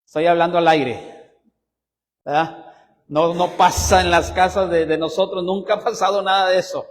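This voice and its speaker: A male pastor preaching a sermon, building emphasis with frequent asides to his congregation and bits of teasing humor. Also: moderate pace. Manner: lively pitch swings, teasing humor. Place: church sanctuary. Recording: long church reverb.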